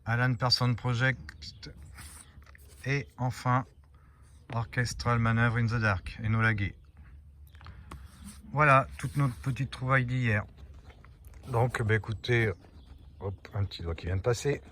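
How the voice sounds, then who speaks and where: A man's voice: mid-range voice, steady tone, takes it slowly, pauses often, a bit bright, slight background noise. A man casually presenting his flea-market finds to the camera, hesitant with many fillers as he lists items one by one. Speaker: video host. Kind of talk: casual haul vlog.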